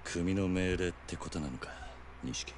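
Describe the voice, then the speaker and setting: A stoic young yakuza in a video game, calm and restrained. His voice is extremely deep and his lines stay short and clipped. Faint noise sits under the game sound. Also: a little slow. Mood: restrained, uneasy.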